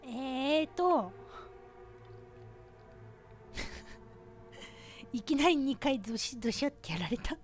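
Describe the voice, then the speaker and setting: High-pitched woman from Japan, game streamer, thinks aloud, jumpy and nervous, game music behind. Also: animated, very slow, long pauses. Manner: thinks aloud, nervous and easily startled, talks to herself. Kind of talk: casual horror game let's play commentary.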